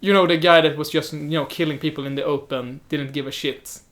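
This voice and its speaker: A young man with a somewhat high voice chats casually about films. He is lively and animated, and he slips easily into imitating how other people talk. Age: young adult. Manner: chatty, animated, quick to imitate others' speech. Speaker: podcast co-host, film student. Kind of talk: casual film discussion.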